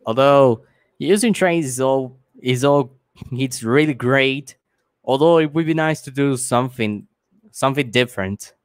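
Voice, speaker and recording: A young man chatting casually on a livestream, relaxed and amused. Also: medium pitch, measured pace, dry recording. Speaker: livestream host.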